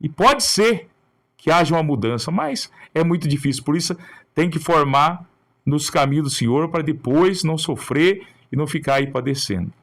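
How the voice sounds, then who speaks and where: A man's voice: fairly high pitch, brisk. A male pastor preaching in short, earnest, admonishing phrases, often ending with a questioning tag. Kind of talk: sermon on raising children.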